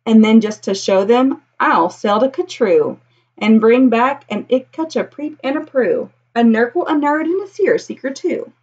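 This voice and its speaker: Reading a children's picture book with expressive, singsong rhythm, a woman in her thirties uses a fairly high, husky, darkish voice with lively intonation and a slightly slow pace. The highs are cut off, and she's in a small room with bookshelves.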